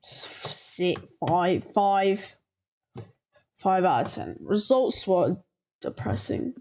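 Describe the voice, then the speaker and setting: A woman hosting a reaction video, talking in a slangy, halting way as she thinks aloud and gives ratings. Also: on the low side, very animated, darkish tone. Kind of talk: casual reaction commentary.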